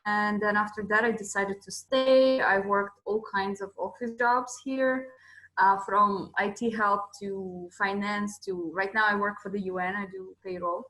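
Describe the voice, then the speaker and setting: A woman's voice: medium pitch, steady tone, a little slow, fairly bright tone, roomy sound, faint music behind, rough recording. A woman from Kyrgyzstan, a guest on a video call interview, speaking in a candid, matter-of-fact way. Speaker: guest, shop owner.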